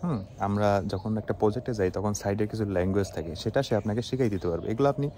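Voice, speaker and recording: A man's voice: fairly low pitch, fast talker, mellow. A young man from Bangladesh giving a casual spoken lesson on learning Chinese, often checking in with his listeners. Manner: conversational, with frequent "ঠিক আছে?" checks. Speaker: Chinese language teacher.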